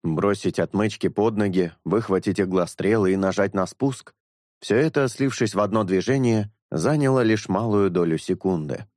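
A man reading a novel aloud as narrator, in a measured storytelling manner that slows for dramatic phrases. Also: lowish voice, darkish tone, no echo, studio quality. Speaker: audiobook narrator. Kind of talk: scripted literary narration.

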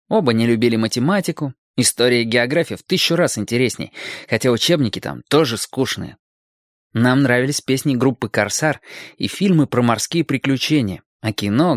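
A man narrating a story as an audiobook, calm and reflective in his storytelling. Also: mid-range voice, no room sound, clean studio sound.

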